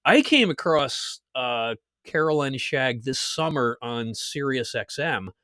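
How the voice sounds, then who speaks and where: A man hosting a podcast, telling stories in a lively casual way and laughing at his own jokes. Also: medium pitch, slow pace, no room sound, studio quality. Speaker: podcast host. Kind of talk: casual chat.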